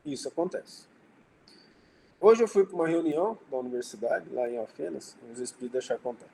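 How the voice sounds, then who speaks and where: A man's voice: medium pitch, animated, a little fast, gravelly, mellow, slight background noise, low-quality recording. A man with a Brazilian Portuguese accent gives an informal religious study talk, telling anecdotes and acting out dialogue. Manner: conversational, tells anecdotes and acts out dialogue. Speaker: spiritist lecturer.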